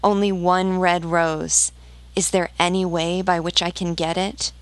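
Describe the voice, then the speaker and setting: A woman reading the part of a devoted female nightingale from a storybook, slow and earnest. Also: on the low side, flat delivery, a bit bright, no room sound, lightly acted, poor audio. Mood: pleading.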